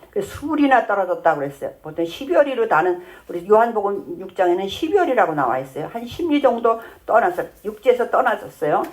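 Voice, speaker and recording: A woman's voice: medium pitch, a little mellow. A woman pastor preaching a sermon in a church, telling the Bible story in a conversational way and acting out the lines of its characters.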